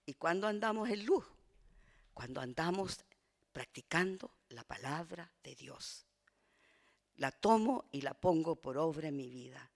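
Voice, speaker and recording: A man teaching a church discipleship class in an earnest sermon style, dropping to a hush on key phrases and building when he exhorts. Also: a little high, lively intonation, measured pace, vocal fry, in a large hall.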